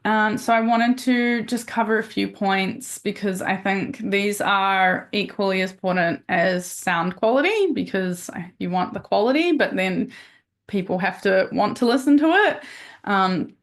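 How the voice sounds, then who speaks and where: A woman's voice: medium pitch, steady tone, measured pace. A woman podcast host giving a casual webinar over a video call, chatty and upbeat, with plenty of fillers and restarts.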